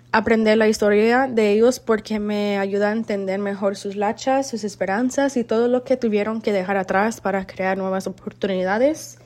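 A woman's voice: medium pitch, a little mellow. A woman interviewing her grandparents, reading out prepared questions steadily.

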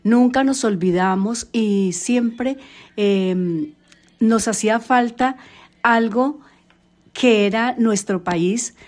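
An older woman, a grandmother answering interview questions hesitantly, with many pauses and fillers. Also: on the high side, a little mellow. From Colombia. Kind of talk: casual family interview.

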